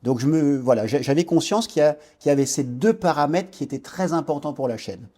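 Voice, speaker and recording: A man in his forties from French Guiana, his voice on the high side and dark in tone, talks fairly quickly. As a guest entrepreneur on a podcast, he tells the story of his career reflectively, often hesitating and starting over.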